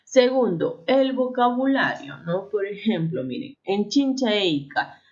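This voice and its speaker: A woman's voice: medium pitch, dull audio. A woman from Arequipa with a Peruvian accent, explaining a lesson to students, checking in often with tag questions and correcting herself as she goes. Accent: Peruvian Spanish, Arequipa. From Peru. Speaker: teacher. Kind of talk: classroom lesson.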